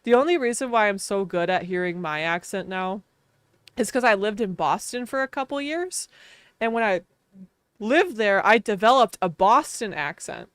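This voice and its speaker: An animated Wisconsin woman with a regional accent chats casually as she livestreams a game, laughing often and repeatedly saying "like." Her mid-range voice is smooth at a normal pace, and the recording is dry.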